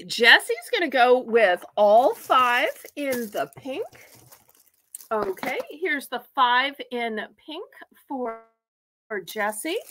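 A woman's voice: high voice, fairly bright tone, slight background noise. A woman hosting a live online auction from home, chatty and folksy as she counts out items for bidders.

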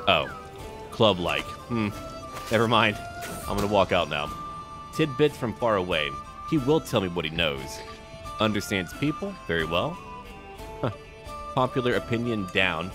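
Narrating a strategy game in roleplay, a deep-voiced male gaming host muses out loud in brief, clipped comments, his pitch shifting expressively. He's animated but a little slow and pauses often. Soft music runs in the background.

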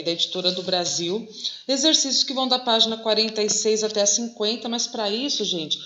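A woman's voice: mid-range voice, fairly bright tone, slight background noise. Patient Brazilian woman teaching a lesson. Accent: Brazilian Portuguese. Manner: patient, explains slowly with many "tá?" and "né?" checks. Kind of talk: classroom lesson video. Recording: echoey room, slightly dull sound.

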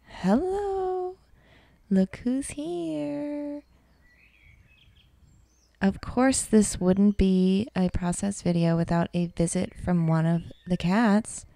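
A woman artist and teacher giving a calm, reflective talk over an art demonstration, soft and unhurried with fillers. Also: fairly low pitch, no room sound.

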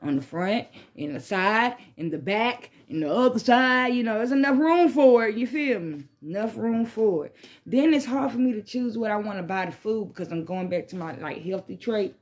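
A woman's voice: mid-range voice, moderate pace. A woman vlogging casually in a laid-back stoner manner, rambling with slang and swearing and circling back over her phrases. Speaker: vlogger hosting a smoke session. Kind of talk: casual rambling chat to camera. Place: small bedroom, indoors. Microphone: phone propped at arm's length or a little further.

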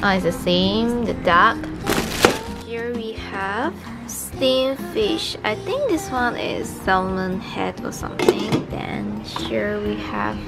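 A woman's voice: mid-range voice, expressive, takes it slowly, creaky. A young woman chatting casually to camera in a vlog, laughing often, in slightly broken English. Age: young adult. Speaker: vlogger. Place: bedroom. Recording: loud background music.

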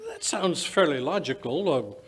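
Male actor as creaky, blustery doctor sidekick for radio play, very animated, on a noisy stage recording. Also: on the high side, measured pace, heavily acted. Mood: indignant. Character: indignant, plain-minded British doctor sidekick. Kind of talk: old-time radio drama acting. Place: small indoor stage before an audience.

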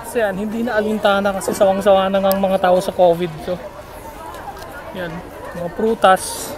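A Filipino vlogger with a high voice chats casually while strolling through a crowded outdoor street market, rambling with plenty of fillers at normal speed in a flat delivery. He films himself on a phone held at arm's length, and loud crowd noise fills the outdoor recording.

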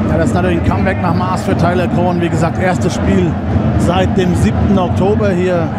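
A man giving live ice hockey play-by-play commentary in an excitable manner that can break into shouting. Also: high-pitched. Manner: excitable, breaks into drawn-out shouts at key plays. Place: ice hockey arena during a game. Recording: loud crowd and arena noise. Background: loud crowd noise.

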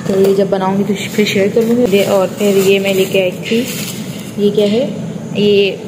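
A woman's voice: mid-range voice, level tone, moderate pace, noisy background. Chatty young Pakistani mother vlogging at home. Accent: Pakistani Urdu. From Pakistan, Karachi. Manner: chatty, addresses viewers directly, shows items one by one. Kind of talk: casual vlog narration.

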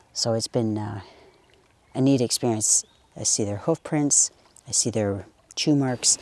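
A man talking easygoing and reflective during an outdoor hike on a country trail, pausing now and then. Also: on the low side. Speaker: nature vlogger. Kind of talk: casual outdoor commentary.

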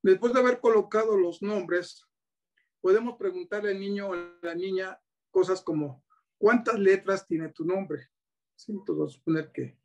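Mexican man, high-pitched, patient teacher showing classroom materials. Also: a little mellow, highs cut off. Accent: Mexican Spanish. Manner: patient, asks many rhetorical checks. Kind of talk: classroom-style demonstration.

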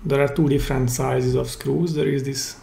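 Working at an indoor bench, a DIY repair channel host walks through a fix step by step, using simple, careful phrases and pausing mid-sentence. His mid-range voice is dark and level, with vocal fry, and the room sounds echoey.

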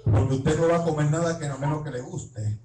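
A man's voice: fairly high pitch, fairly even intonation, brisk, reverberant, recorded from a distance, heavy background noise. A man preaching an impassioned sermon as an evangelist, crying out and acting out prayers. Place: church.

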